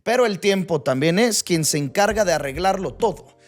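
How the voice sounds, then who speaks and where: A man's voice: sits high, animated, moderate pace. A man narrating a music documentary in a scripted, dramatic style with short listed phrases. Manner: dramatic, clipped listing phrases.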